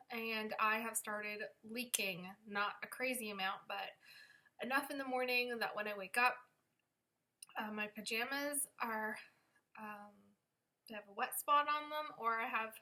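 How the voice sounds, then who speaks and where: A woman's voice: fairly high pitch, pushed and bright. A young woman giving a candid, chatty pregnancy update to camera, tired and a little self-conscious. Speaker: vlogger. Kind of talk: casual pregnancy update vlog.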